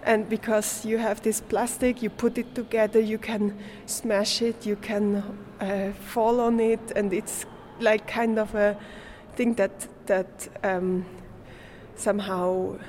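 Slowly and with little pitch movement, a young Swiss woman speaks in a darkish, mid-range voice over slight background noise. She's an art student and native German speaker giving English interview answers, hesitant, searching for words, and laughing often.

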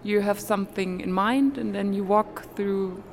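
A woman's voice: mid-range voice, measured pace. Casting: female interviewer, curious and conversational, faint ambient noise. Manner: curious, rephrases her questions. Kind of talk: interview questions.

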